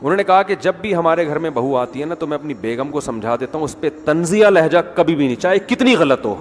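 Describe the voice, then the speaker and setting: Brief: a male preacher with a fairly high voice, chatty and questioning, in a reverberant hall with faint music. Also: animated, slight background noise. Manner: conversational, rhetorical questions, mimics people. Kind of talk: sermon.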